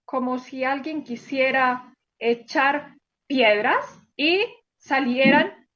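A woman teacher telling a story to children, animated and exclamatory, asking them questions as she goes. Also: high-pitched, takes it slowly, dull audio.

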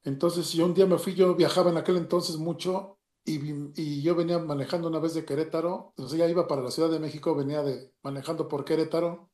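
A man with a Mexican Spanish accent tells a personal story in a halting way, with many restarts and retold dialogue. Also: fairly high pitch, fairly even intonation, darkish tone. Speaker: storyteller giving a personal testimony. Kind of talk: emotional personal story, casual. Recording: roomy echo.

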